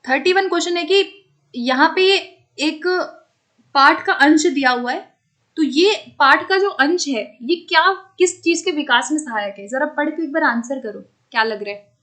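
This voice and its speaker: Her voice is high and fairly bright, and she moves at a moderate pace while teaching an online exam-prep course. Each answer gets a step-by-step explanation, English terms creep into what she says, and she keeps making sure her students are keeping up.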